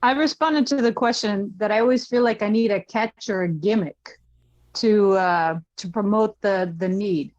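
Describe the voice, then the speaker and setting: A woman's voice: medium pitch, moderate pace, a little mellow, no echo. A woman in a group discussion, speaking earnestly and repeating herself to stress her point. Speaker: missionary in class. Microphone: video call. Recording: dry, muffled call audio.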